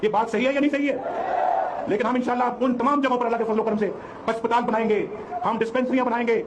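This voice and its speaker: A politician makes promises in a rally speech. His voice is very high, recorded with a faint crowd and light noise behind him. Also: steady tone, fast talker.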